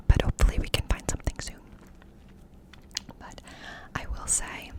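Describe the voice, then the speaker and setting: A woman speaks entirely in a soft, breathy whisper, very close to the microphone as if cupping it. She chats intimately in an ASMR style, confiding in the listener and lingering on repeated phrases. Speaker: ASMR creator. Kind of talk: whispered ASMR life-update chat. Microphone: close mic with cupped whispering.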